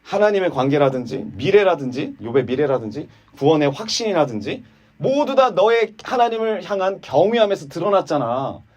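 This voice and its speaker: A man preaching a sermon in a church, swinging between emphatic high peaks and low quiet asides, mocking the people he quotes. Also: normal speed, dull audio. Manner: animated, rising to emphatic peaks then dropping low and quiet; voices quoted speakers in a mocking, sarcastic tone.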